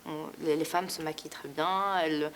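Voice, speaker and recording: A young woman from Palestine who narrates and interviews in a soft, steady way. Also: sits low, normal speed, a little hiss or hum. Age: young adult.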